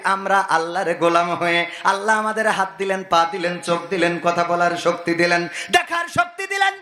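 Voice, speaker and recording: A man, delivering a loud, sing-song waz sermon full of rhetorical questions. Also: sits high. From Bangladesh. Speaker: Islamic preacher.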